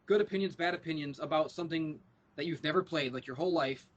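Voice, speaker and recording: A man's voice: on the high side, fast talker, muffled recording. A young man co-hosting a podcast, chatting casually and ranting with a lot of profanity. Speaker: podcast co-host. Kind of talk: casual chat.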